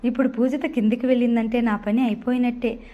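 A woman reading an audio novel aloud with steady expression. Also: fairly high pitch, fast, highs cut off. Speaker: storyteller.

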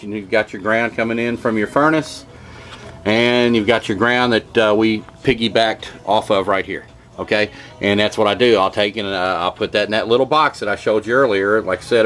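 A man's voice: lowish voice, a bit bright. A man, an HVAC technician giving a folksy, rambling how-to demonstration in his home workshop. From Kentucky. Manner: folksy, rambling, lots of "uh" and "okay, y'all". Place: home workshop with wood-paneled walls.

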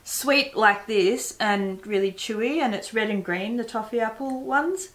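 A chatty Australian woman hosting a relaxed snack-tasting video. She keeps talking even with her mouth full, in an easy, casual way. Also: on the high side, a little slow. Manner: chatty, talks while chewing. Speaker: host.

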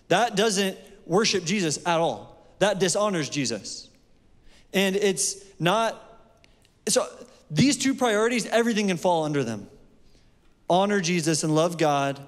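A man preaching a sermon in a church in a loose, conversational way, with fillers and restarts. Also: high voice. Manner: conversational, with fillers and self-corrections. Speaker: pastor. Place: church sanctuary. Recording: long hall reverb.

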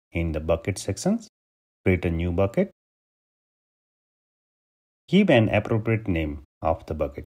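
A man from Nepal hosting a step-by-step software tutorial, giving steady instructions over a screen recording. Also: sits low, slightly rough. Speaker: tutorial host.

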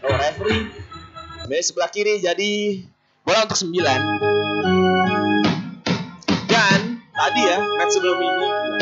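A commentator hoarse from yelling, calling live basketball in an informal, exclamatory way with English phrases mixed in. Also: medium pitch. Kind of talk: excited live sports commentary. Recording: dull lo-fi broadcast sound, loud music behind.

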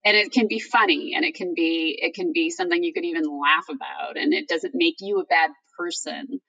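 A middle-aged woman talking candidly on a video call, telling personal anecdotes in a halting, informal way as she thinks aloud. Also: deep voice, fairly even intonation, vocal fry, bright, forceful tone, muffled recording. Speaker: guest author. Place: room by a bright window, indoors. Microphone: video call, distant computer microphone. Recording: distant video-call microphone.

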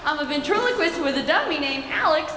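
A woman's voice: high voice, expressive, fast talker, pushed and bright. A woman from Louisiana introducing herself on a concert stage, bubbly and self-mocking. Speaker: stage performer. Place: large concert hall stage. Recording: echoey hall from far off, old tape.

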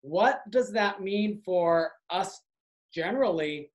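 A man's voice: sits high, animated, slow pace, rough recording. A man who works for a community organization, talking earnestly and reflectively in a casual conversation.

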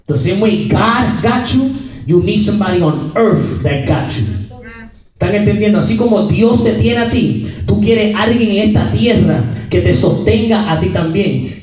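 Animated male preacher, echoey and distant. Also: high voice. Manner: mixes two languages mid-sentence; laughs often while telling stories. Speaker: evangelist preacher. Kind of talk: storytelling sermon. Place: coffee house gathering. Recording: very roomy sound from far off.

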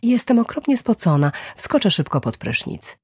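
A woman's voice: medium pitch, big pitch swings, normal speed, husky, no echo, clean studio sound, voice pushed up. A woman voicing an upset mother and wife who argues indignantly, in an audiobook thriller. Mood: flustered.

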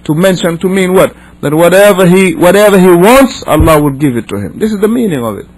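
Speaking a little fast with lively intonation and a high pitch, a Senegalese imam teaches a religious class in English, which isn't his native tongue. He reads and explains emphatically, circling back to repeat and rephrase and asking rhetorical questions. The audio is poor.

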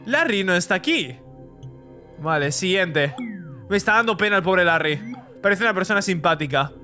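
A man's voice: high voice, animated, moderate pace, bright, forceful tone, faint music behind. A young man, chatting through a video game and reading its text aloud. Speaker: gaming YouTuber. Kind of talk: let's play commentary.

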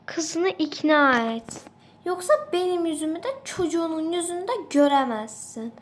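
A woman's voice: high voice, animated, unhurried, a little hiss or hum. A woman voicing an angry, demanding mother in a game role-play, speaking in a bossy, scolding way.

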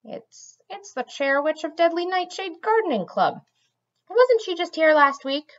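Trouble: a dry, blunt tomcat, read by a woman, lowish and plain, storybook voice, lo-fi sound. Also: animated, unhurried.

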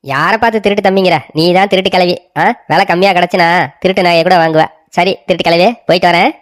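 Cartoon crook guy, smug and taunting, fast mouth, kinda low for a lady doing him. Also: steady tone, natural voice. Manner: mocking, bullying, cocky. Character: sly scheming male village thief. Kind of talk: cartoon voice acting.

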